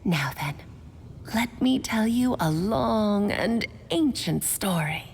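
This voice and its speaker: A woman's voice: medium pitch, lively intonation, slow pace, gravelly, darkish tone, a little hiss or hum. A coy, theatrical mother witch. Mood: storytelling. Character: grand, playful mother witch, adult. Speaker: storyteller.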